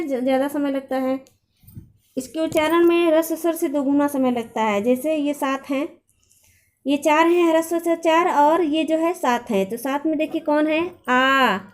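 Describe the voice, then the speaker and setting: High-voiced woman teaching a grammar lesson. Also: a little mellow. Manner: explains patiently, repeats questions and answers them herself.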